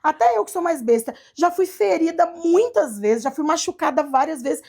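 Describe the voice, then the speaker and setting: A woman from Brazil telling her adoption story in a casual chat, animated and acting out the voices of people she quotes. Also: extremely high pitch, normal speed. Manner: animated, acts out quoted dialogue. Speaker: guest, adoptive mother.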